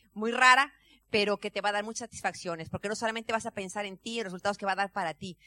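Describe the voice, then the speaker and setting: A woman in her fifties telling a lively personal story in a motivational seminar talk, acting out the voices of the people she quotes. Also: mid-range voice, dry recording. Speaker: business seminar speaker.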